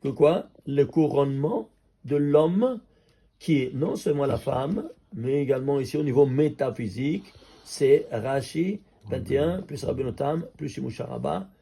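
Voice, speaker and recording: A man teaching a Torah class as a rabbi, an animated teacher who keeps quizzing his listeners. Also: mid-range voice, gravelly, breathy edge. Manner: lively teacher quizzing listeners with quick questions. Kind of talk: Torah class on number mysticism.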